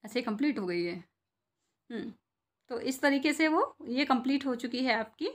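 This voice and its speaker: A young woman with a fairly high voice teaches small children to read, sounding out every syllable slowly. She poses a question, answers it herself, then checks whether everyone has understood. Her delivery is patient and deliberate. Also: animated. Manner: slow, drawn-out syllables when sounding out words. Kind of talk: Hindi reading and spelling lesson for children.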